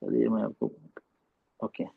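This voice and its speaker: A man's voice: unhurried, no room sound, phone-quality sound. A man teaching Arabic letter sounds in an online class, patiently repeating and drilling sounds, slipping English phrases into his talk. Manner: mixes English phrases into Hindi. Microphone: video call microphone.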